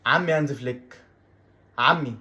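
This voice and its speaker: A man with an Egyptian Arabic accent giving excitable let's-play commentary on a football video game, repeating his exclamations over and over. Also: mid-range voice, moderate pace. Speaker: gaming YouTuber.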